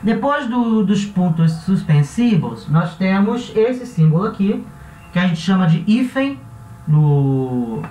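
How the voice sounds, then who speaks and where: A Brazilian man with a relaxed, chatty teaching manner who often corrects himself and checks in with his listeners. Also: high voice, slow pace. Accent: Brazilian Portuguese. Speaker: language teacher. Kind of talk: casual classroom explanation. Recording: echoey room, voice a bit far from the mic.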